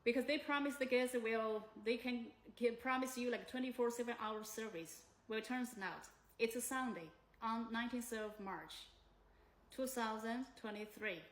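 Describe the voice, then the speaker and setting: A woman from China tells her story in English, her Chinese accent plain and her grammar loose. Her voice sits fairly high and she sounds agitated and indignant throughout. The room around her gives a noticeable echo. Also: normal speed. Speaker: complainant telling her story. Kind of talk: emotional personal account.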